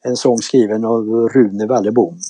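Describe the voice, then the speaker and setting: A man co-hosting a casual chat show, calmly explaining things and introducing songs. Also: fairly low pitch, no room sound. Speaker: co-host. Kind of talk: casual radio-style chat.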